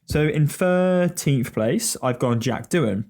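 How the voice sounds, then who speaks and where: A man's voice: fairly high pitch, animated, slow, darkish tone. Male podcast host, casual and profane, tired, rambling delivery. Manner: rambling, sweary, jokey.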